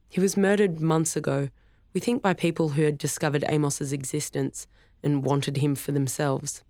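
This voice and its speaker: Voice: medium pitch, a little mellow, dry recording, clean studio sound, lightly acted. Kaya, an earnest young woman, as a narrator voices her.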